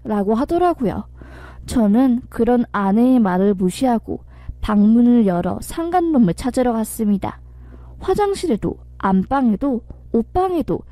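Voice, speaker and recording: A woman's voice: fairly high pitch, dry recording. Woman narrating a dramatic story. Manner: expressive reading, acts out quoted lines.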